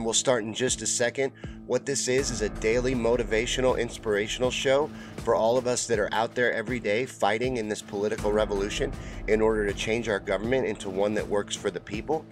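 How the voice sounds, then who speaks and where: A middle-aged man with a stuffy, congested voice, under the weather, hosts a motivational monologue from a small home room. His voice is on the low side, and his earnest pep talk trails off in pauses. He's on a studio mic held close to his mouth.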